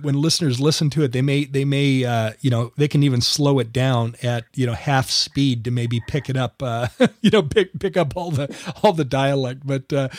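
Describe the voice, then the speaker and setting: A man's voice: medium pitch, a little mellow, no room sound. American man, show host, rambling and chatty, lots of fillers, dry close mic. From United States. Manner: rambling, many filler words and restarts. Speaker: podcast host. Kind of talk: casual interview chat.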